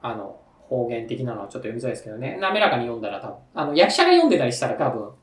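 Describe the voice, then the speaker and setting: This Tokyo host and contest judge talks very fast in a mid-range voice, rambling through a casual podcast chat with plenty of fillers and laughter. Recorded from a distance and slightly off mic, his lively voice carries echo from the room along with a little background noise.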